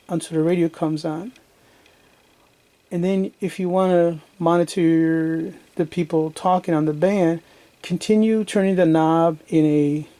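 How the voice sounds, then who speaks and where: Like a hobbyist showing how things work, a man demonstrates radio gear step by step in a casual, plain-spoken way. His voice is on the high side with a dark tone. Radio static and background noise make the recording noisy.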